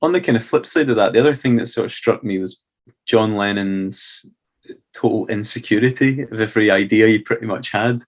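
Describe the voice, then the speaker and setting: Low-voiced Scottish man, easygoing chat. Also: brisk. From Scotland. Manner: easygoing, hedging with "sort of" and "kind of". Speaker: podcast co-host. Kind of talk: casual chat.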